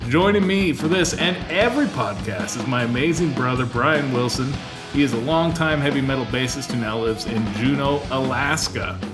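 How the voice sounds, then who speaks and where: A man's voice: medium pitch, moderate pace, music in the background. A man hosting a podcast in casual chat, easygoing and laughing with his brother. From Canada. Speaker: podcast host.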